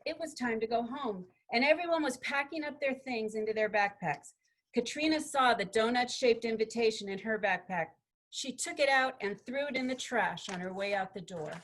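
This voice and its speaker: A woman student reading a children's picture book aloud in an expressive, gently paced storytelling manner. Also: fairly high pitch. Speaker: student presenter.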